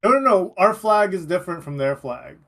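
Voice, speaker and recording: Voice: mid-range voice, lively intonation, brisk, a bit bright. Breezy, evasive tabletop player. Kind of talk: in-character tabletop role-play talk.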